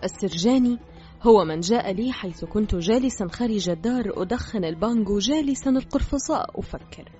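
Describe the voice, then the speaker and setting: A woman reading a novel aloud as narrator, in a measured, dramatic scripted style. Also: mid-range voice, lively intonation, warm tone. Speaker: audiobook reader. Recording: slightly dull with faint music.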